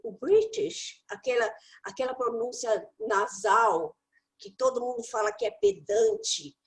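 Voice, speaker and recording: A woman English teacher and mentor giving study tips in a talk to the listener, animated and playful. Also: on the high side, measured pace, low-quality recording.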